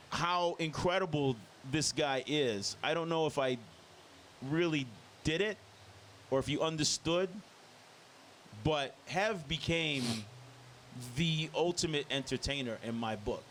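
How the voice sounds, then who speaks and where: A man in his fifties hosting a casual roundtable chat, with a voice that sits a little high for a man. He tells stories in animated, quick bursts, and a faint hiss runs under his speech. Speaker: host, DJ and producer.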